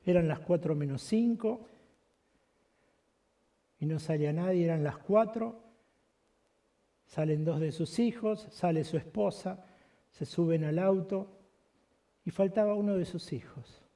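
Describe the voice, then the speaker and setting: A man from Argentina, a pastor telling a sermon story vividly, slowing and speeding up with the tale. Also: high voice, warm tone.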